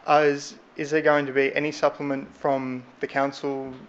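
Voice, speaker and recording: A man asking measured, halting questions at a public meeting. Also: medium pitch, level tone. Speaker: licensed business representative questioning council. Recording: dull, faintly noisy meeting room audio.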